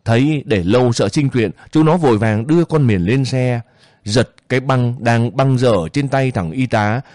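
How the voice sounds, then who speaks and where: A male narrator reads a story in a calm, measured manner. His voice sits at an ordinary middle pitch. The recording is close and dry, with no room echo. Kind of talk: audiobook narration.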